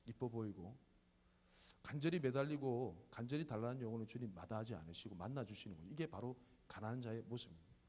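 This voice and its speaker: A man's voice: medium pitch, fast talker, warm tone, slightly rough. A man in his thirties preaching a sermon to a church youth group, speaking conversationally, posing questions and telling stories about his own family. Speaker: pastor. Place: church hall. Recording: long hall reverb.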